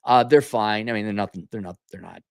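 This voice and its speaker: A man hosts an off-the-cuff online livestream, ranting opinionatedly while answering viewer comments in an exasperated, sarcastic, colloquial way. His voice is on the low side, brisk and clean-toned, recorded at studio quality with no room sound.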